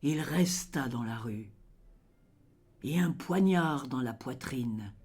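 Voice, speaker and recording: Reciting verse at a crawl, the reader's mid-range voice carries a breathy edge and an animated quality within a solemn, dramatic delivery. Lines are carefully paced, often trailing off into near silence.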